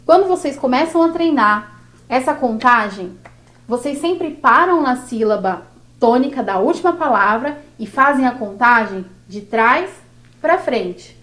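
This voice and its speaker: A Brazilian Portuguese-speaking woman teaching a workshop lesson on verse, slow and didactic, drawing out each syllable. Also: a little high, animated, a bit bright.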